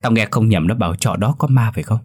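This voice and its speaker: A man voicing a jumpy young male student lodger who asks quick, uneasy questions. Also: lowish voice, a little mellow, husky.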